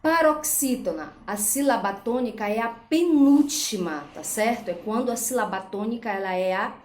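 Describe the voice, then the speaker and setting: A woman's voice: a little high, normal speed, a little mellow. A woman teaching a recorded school lesson, patiently stressing each example syllable and checking in with "tá certo?". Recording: echoey room.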